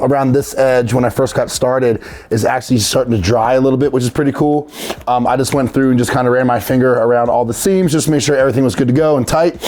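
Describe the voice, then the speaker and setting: The host of a DIY video series, a man with a medium-pitched, somewhat dark voice, talks informally to his viewers in a casual how-to video and calls them "guys."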